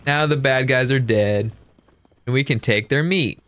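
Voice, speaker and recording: A man's voice: mid-range voice, a little slow, a bit bright. Goofy man joking through a game. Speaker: let's-play host. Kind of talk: casual let's-play banter.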